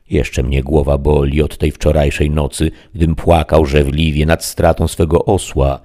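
A man voicing a blustering, excitable peasant squire in a loud, folksy way, reading an audiobook. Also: a bass voice, full character voice.

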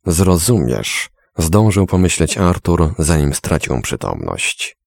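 Male audiobook narrator, extremely low bass with gravel, expressive rise and fall, dry close sound. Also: no room sound. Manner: measured, dramatic storytelling. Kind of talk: scripted narration.

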